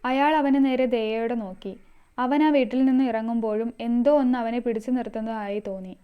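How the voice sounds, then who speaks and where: A woman's voice: fairly high pitch, fairly even intonation, a little fast, smooth, narrow, tinny audio. A woman narrating a scripted story, reading all the characters herself. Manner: reads all characters herself, mostly in her own voice.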